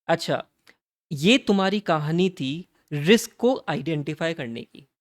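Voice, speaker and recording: A man teaching auditing in an exam-prep lecture. He asks his own questions and answers them, and draws key terms out slowly. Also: fairly high pitch, animated, no echo, clean studio sound. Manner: calls students "beta" and "bhai", coaxing and playful.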